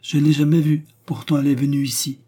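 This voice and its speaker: A man reading aloud, voicing a young girl who speaks haltingly in a hypnotic trance. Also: on the high side, little pitch movement, dark tone, breathy edge, voice pushed up. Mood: dreamy. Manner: dreamy, halting trance speech.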